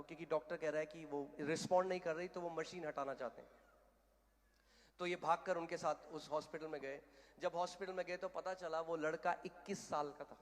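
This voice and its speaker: Delivering a sermon, this man narrates a story with emphasis, rising to loud proclamations and mixing in English phrases. His pitch sits a little high, and a long hall echo surrounds the recording.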